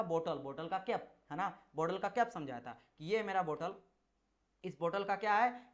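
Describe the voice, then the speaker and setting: A male tutor giving a classroom lecture. He repeats each point several times and checks in with rhetorical questions. He demonstrates with objects at hand while slipping English technical terms into his talk. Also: high-pitched. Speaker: engineering exam teacher.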